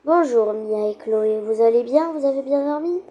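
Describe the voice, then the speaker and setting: A woman voicing a kindly female orphanage director who gives slow, gently bossy instructions in a children's role-play game. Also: fairly high pitch, lo-fi sound, natural voice. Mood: welcoming.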